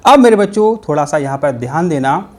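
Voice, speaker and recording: A man's voice: on the high side, animated, a little fast. A man teaching a physics exam-prep lesson, playful and full of repeated mnemonics. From India.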